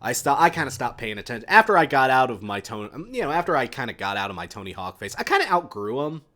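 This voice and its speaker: On a live stream, a young man chats casually with viewers, answering their questions and rambling enthusiastically about music. His medium-pitched voice is fast, sing-song and a bit bright, and he keeps restarting sentences and dropping fillers.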